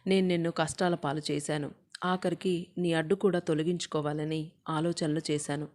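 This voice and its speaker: A woman's voice: low-pitched, fairly even intonation, moderate pace, darkish tone, lightly acted. A woman voicing a remorseful older mother-in-law who begs forgiveness through tears.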